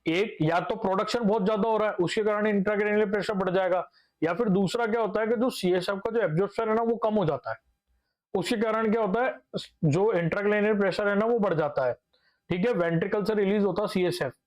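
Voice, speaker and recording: High-voiced male nursing teacher lecturing. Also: fast. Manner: explains by asking and answering his own questions, repeats key terms; mixes English terms into his speech. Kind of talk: classroom lecture.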